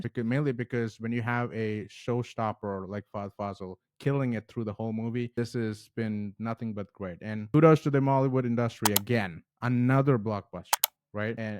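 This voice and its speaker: A man's voice: mid-range voice, no room sound, clean studio sound. A man hosting a casual movie review vlog, talking in an enthusiastic, conversational way.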